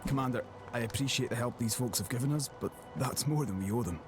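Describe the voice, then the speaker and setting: A man's voice: mid-range voice, fast talker, over music, lightly acted. A man voicing a selfish, hard-nosed male crewman in a game, curt and blunt. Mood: cold.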